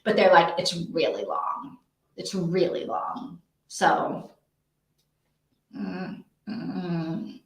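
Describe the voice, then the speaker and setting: A woman hosting a live reading sprint stream talks in a lowish, gravelly voice, drawing out her words and pausing often. She rambles casually, thinking aloud, and the untreated indoor room adds echo.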